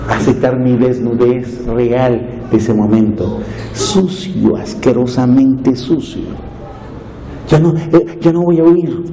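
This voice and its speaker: A man preaching a sermon with impassioned, drawn-out phrasing, dropping to a hush and rising to loud cries. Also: mid-range voice, background noise. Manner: impassioned, swinging from hushed to loud.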